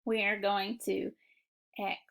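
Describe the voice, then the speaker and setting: Woman teacher doing phonics, real slow and deliberate, a bit of fry in her voice. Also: medium pitch, level tone, a bit bright, slight background noise. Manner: slow, deliberate classroom instruction. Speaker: reading teacher. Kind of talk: phonics lesson.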